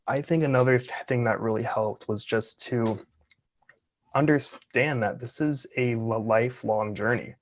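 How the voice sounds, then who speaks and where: In a relaxed interview, a guest in his twenties talks with earnest openness, stuttering through blocks and repeated sounds. He speaks unhurriedly in a mid-range voice.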